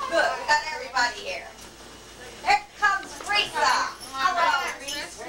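An older woman at a family holiday gathering, coaxing children in a lively, chatty way, captured on an old home video tape. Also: sits high, normal speed. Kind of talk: casual family chat. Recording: old home video tape, far from the mic, echoey room, loud hiss.

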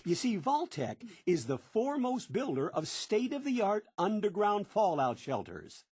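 A man's voice: sits high, huge pitch swings, slow, a little mellow, husky, full character voice. An actor playing a pushy, cheerful male bunker salesman, eager sales patter, heard as game clips played into a prank call.

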